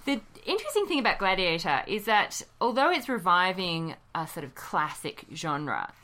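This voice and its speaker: A woman with a lowish voice that swoops around a lot chats on a casual podcast. She is wry and loose, hedging as she thinks aloud and laughing easily. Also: sing-song, normal speed, sharp tone. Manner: chatty, wry, laughs often, hedging with "you know". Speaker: podcast co-host.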